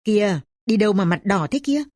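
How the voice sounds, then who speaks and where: A woman voicing a middle-aged neighbor who calmly passes on news and gossip. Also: medium pitch, brisk, dry recording, studio quality, lightly acted.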